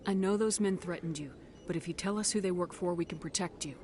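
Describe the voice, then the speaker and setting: A woman's voice: fairly low pitch, quick pace, darkish tone, a little hiss or hum, close to an everyday voice. A woman playing a resolute, businesslike military commander in a video game.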